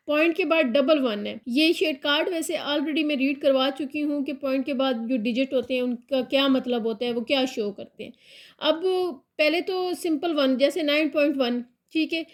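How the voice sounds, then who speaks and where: A woman teaching a hair colour class, patient and repetitive, with English terms mixed in. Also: high voice. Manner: patient, repeats key points, mixes English terms into Urdu-Hindi speech. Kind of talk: classroom tutorial.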